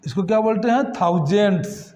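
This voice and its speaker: Male math tutor, high voice, patient question-and-answer classroom delivery. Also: a little fast, a little mellow. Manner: addresses students as kids, asks and answers his own questions.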